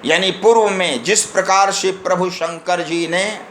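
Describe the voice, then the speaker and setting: Male scripture expounder, slightly high voice, very unhurried delivery, echoey room with faint background hum. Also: steady tone, a bit bright. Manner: recites verses then explains them line by line. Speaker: religious discourse speaker. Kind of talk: scripture discourse.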